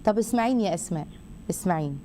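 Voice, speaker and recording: An Egyptian woman hosting a call-in religious advice show, counseling a caller in a rapid, affectionate way and acting out little dialogues as she goes. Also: medium pitch, expressive, mellow, slight background noise. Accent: Egyptian Arabic.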